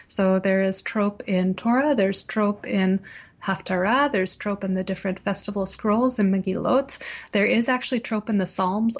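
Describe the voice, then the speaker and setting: Teacherly woman cantor, lo-fi audio. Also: mid-range voice. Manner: clear, teacherly, demonstrates chant by singing. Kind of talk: explanatory interview talk. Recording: slightly dull lo-fi audio.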